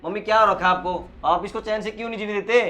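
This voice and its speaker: A man's voice: sits high, rapid-fire, pushed and bright, slight background noise. A man acting a hot-tempered, devoted son in a family drama skit, speaking emphatically and scolding. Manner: emphatic, scolding, filler-heavy. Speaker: vlog host.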